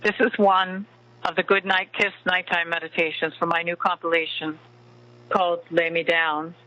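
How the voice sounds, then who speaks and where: A man giving a slow inspirational talk in the style of a guided meditation, with deliberate, spaced phrasing and pauses. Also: on the high side, flat delivery, bright, forceful tone, poor audio. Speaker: spiritual teacher and meditation host.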